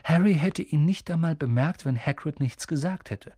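A man narrating an audiobook in a lively, storytelling manner, close to the microphone. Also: a little high, moderate pace, breathy edge, no echo. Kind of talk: expressive audiobook reading.

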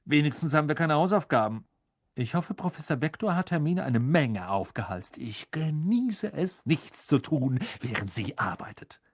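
A man's voice: fairly high pitch, very animated, moderate pace, dry recording, studio quality. A man voicing a cheeky, teasing schoolboy. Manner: teasing, joking. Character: cheeky teenage schoolboy, lazy and joking.

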